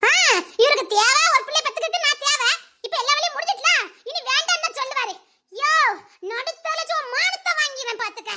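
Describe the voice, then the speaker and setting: Woman doing a shrill, scolding young wife. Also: quick pace, background noise. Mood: taunting. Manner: shouting, taunting, mocking laughs.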